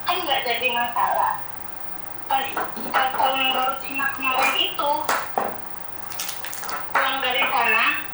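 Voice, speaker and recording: A woman phones in to tell her side of an argument with her employer, and she acts out both voices with plenty of feeling. Her voice is high and sits well back from the mic. The line is very echoey and noisy, with a television going behind her. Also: distant mic. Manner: animated storytelling, acting out quoted arguments. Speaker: caller, migrant domestic worker. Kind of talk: phone-in complaint, retelling a dispute.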